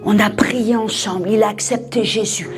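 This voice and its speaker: A woman preacher telling a testimony in a sermon, dramatic, dropping to a hush and rising to shouts. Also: medium pitch, steady tone, moderate pace, over music. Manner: dramatic storytelling, swings from hushed to shouting.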